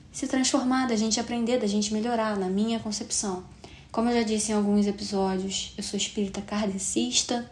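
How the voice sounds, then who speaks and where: Hosting a solo podcast, a twenty-something woman from Rio de Janeiro, Brazil, speaks with a Carioca Brazilian Portuguese accent in a darkish voice on the high side. Her style is chatty and reflective, full of tag questions. Faint hiss and a roomy echo color the recording.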